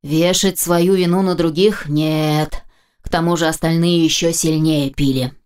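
Woman doing a low gruff reckless getaway driver. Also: steady tone, a little slow, a little mellow. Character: male driver, reckless cheerful kidnapper.

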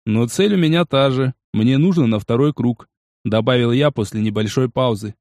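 A man narrating a first-person audiobook in a steady, measured way. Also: mid-range voice, no echo, studio quality.

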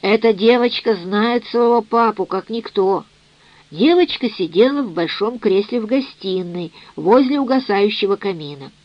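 A woman reads a novel aloud at an even, measured pace. Her voice sits close and dry on the mic. The audiobook recording is slightly dull. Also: mid-range voice, no echo. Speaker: narrator.

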